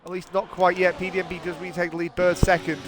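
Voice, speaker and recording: A man giving excitable, chatty live commentary on a sim race. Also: high-pitched, fast talker, over music. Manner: excitable, exclaims at contact, chatty.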